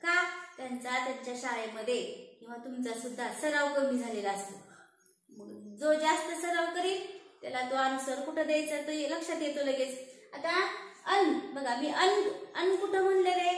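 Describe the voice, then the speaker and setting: A woman teaching a class, drawing words out slowly, repeating them and quizzing her students. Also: high voice, expressive. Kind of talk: classroom lesson on reading and writing. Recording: very echoey room.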